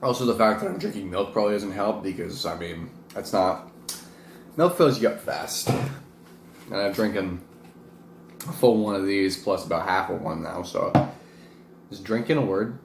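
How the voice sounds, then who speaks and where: Casual low-voiced man in an echoey room. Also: moderate pace, gravelly. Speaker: vlog host and amateur wrestler. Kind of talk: casual chat to camera while eating hot wings. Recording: roomy echo with faint background noise.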